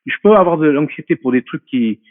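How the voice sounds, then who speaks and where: A French guest in his forties takes questions over a remote call from his mountain home, his fairly high, lively voice a little fast and thin, phone-like on a dry, close line. In this casual interview he's hesitant and reflective, thinking aloud, stumbling over fillers, restarting, and repeating words as he searches for the right phrase.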